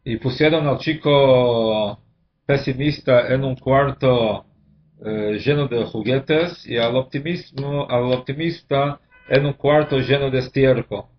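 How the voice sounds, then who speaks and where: A man gives a religious class as a rabbi, talking it through steadily and stopping now and then with a hesitant "eh". His voice sits at an ordinary middle pitch. The recording sounds dull and muffled. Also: a little hiss or hum. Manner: measured, pauses often with "eh" while explaining. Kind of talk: explanatory religious lesson.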